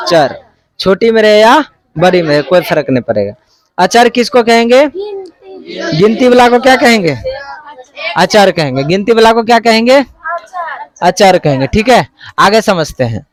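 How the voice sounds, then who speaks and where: A male teacher, giving a classroom math lesson and quizzing students with repeated questions. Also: high voice. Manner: call-and-response questioning, repeats answers.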